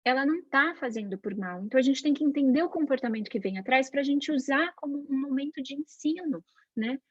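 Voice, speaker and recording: On a lo-fi, echo-free recording, a woman with a high voice and brisk delivery speaks with a Brazilian Portuguese accent. She's an adult parent and Montessori educator giving a casual talk about parenting, chatting freely, acting out quoted voices, and often tagging sentences with "né?".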